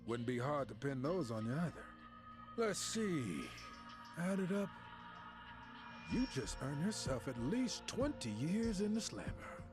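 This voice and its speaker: A man's voice: a little high, very animated, unhurried. An actor playing a corrupt, sneering police officer in a video game cutscene, mocking and gloating as he frames a suspect, with game music behind. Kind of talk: game dialogue acting. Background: game music score.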